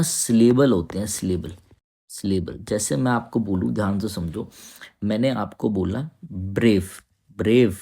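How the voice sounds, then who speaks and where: Male tutor, low-pitched, gravelly, patient explainer who keeps checking students follow. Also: a little mellow. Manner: reads English sentences slowly and deliberately. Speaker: English teacher. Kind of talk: exam-prep grammar lesson.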